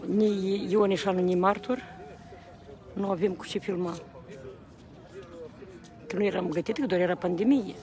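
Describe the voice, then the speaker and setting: Outdoors at a rally, a woman talks passionately and with agitation to a reporter, repeatedly appealing to the crowd around her in an impassioned street interview. Her voice is medium-pitched and steady with frequent pauses, and crowd noise fills the street recording.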